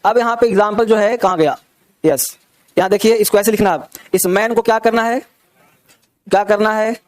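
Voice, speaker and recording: A man teaching an English grammar lesson to students. He drills examples slowly and keeps checking whether everyone has understood. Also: sits high. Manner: repeats questions to check understanding.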